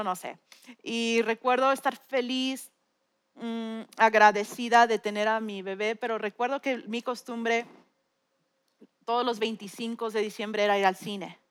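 Woman preacher, 40s, high pitch, personal stories, emphatic repetition. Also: fairly bright tone, clean tone. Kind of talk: sermon.

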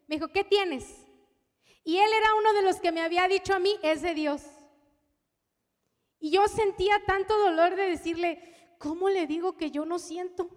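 High-voiced woman preaching in an echoing hall. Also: moderate pace, pauses often. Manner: emotional storytelling, shifts from loud to hushed. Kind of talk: testimony sermon.

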